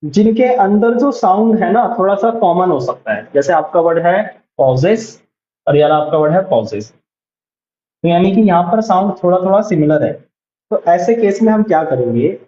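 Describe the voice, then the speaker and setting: A man's voice: high voice, animated, moderate pace, mellow, roomy sound, lo-fi sound. A man teaching a shorthand lesson online, patiently explaining and repeating each word as he writes it.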